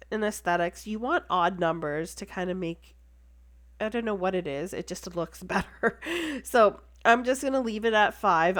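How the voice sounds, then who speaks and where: A woman with a stuffy, congested voice, chatting enthusiastically as she talks through making a card. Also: lowish voice. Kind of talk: casual crafting tutorial voice-over.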